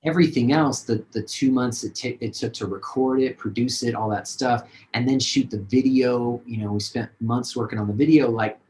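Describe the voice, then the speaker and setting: A man's voice: mid-range voice, normal speed, hardly any pauses, poor audio. Man, songwriter, casual chat, loose rambling, video call. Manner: relaxed, rambling, many fillers. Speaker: singer-songwriter.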